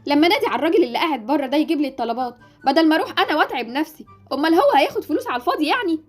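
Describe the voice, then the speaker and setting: Exasperated Egyptian woman, very high voice. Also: animated, very fast, faint music behind. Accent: Egyptian Arabic. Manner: exasperated, scolding, theatrical. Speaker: channel creator voicing a game series. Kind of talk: game drama acting.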